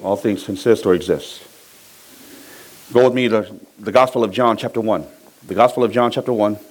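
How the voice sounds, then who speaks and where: Delivering an energetic sermon at normal speed, this middle-aged pastor from Samoa has a lowish voice and repeatedly invites the congregation to complete his lines. The recording is rough.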